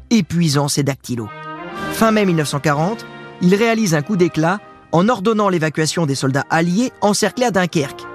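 A man giving scripted history narration with casual asides, talking straight to the listener in a chatty way. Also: high voice. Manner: chatty, addresses the listener directly.

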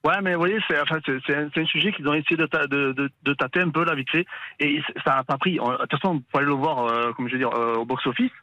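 A man's voice: fairly high pitch, fast, dry recording, lo-fi sound. A man in his forties calling a radio show, talking eagerly and stumbling over his words. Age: 40s. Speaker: caller. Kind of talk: phone-in chat.

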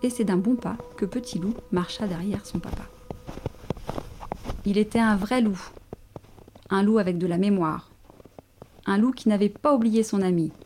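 A woman reading a children's story aloud in a gentle, expressive way. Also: medium pitch, normal speed, long pauses, a little hiss or hum. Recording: soft music underneath.

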